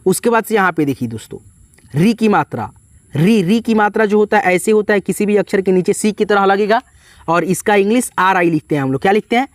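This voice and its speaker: This male English tutor speaks in a high, expressive voice at a fairly quick pace, recorded dry and close with no echo. His spelling lesson is patient and methodical, letter by letter, and he keeps saying "ठीक है" and "दोस्तों".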